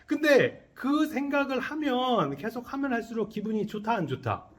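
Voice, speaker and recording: A man's voice: extremely high pitch, animated, moderate pace, fairly bright tone. A man, a Buddhist monk, giving a sermon to a congregation, posing questions and answering them himself and having the listeners repeat his phrases. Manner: leads the congregation in call-and-response repetition. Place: temple dharma hall.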